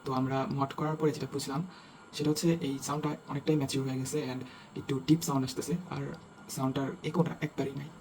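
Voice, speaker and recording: A man casually explaining a speaker mod step by step, checking in with his listeners and pausing to search for words. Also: mid-range voice, flat delivery, darkish tone, faint music behind, low-quality recording. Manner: talks step by step, checking in with "right?"; hesitant, with searching fillers while judging sound. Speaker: DIY tutorial host.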